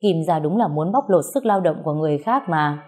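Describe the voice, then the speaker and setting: A woman voicing a calm, proud male craftsman held captive, speaking curtly and evenly, in a storybook reading. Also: deep voice, slightly rough. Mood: scornful. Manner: cool, curt, measured.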